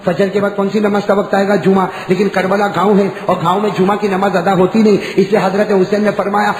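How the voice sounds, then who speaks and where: A male preacher tells a story in a heated sermon, and his voice sits high. He swings from ringing shouts down to low, hushed narration. A long reverb trails every phrase of the big hall. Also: flat delivery. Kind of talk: impassioned Urdu sermon storytelling.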